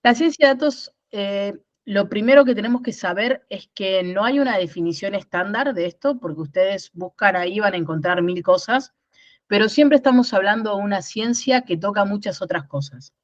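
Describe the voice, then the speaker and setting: A woman's voice: medium pitch, normal speed, dry recording, muffled recording. A woman in her thirties from Rosario, Argentina, with a Rosario accent, explaining things in an online workshop and often checking in with "¿no?". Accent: Rosario Argentine Spanish. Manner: explanatory, repeats words and asks "¿no?". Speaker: workshop instructor.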